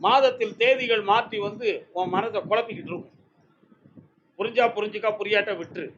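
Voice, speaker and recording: A man's voice: sits high, a little fast, fairly bright tone, highs cut off, a little hiss or hum. A man, speaking as a temple oracle into a microphone, commanding, scolding and reassuring devotees directly. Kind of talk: trance oracle pronouncements to devotees.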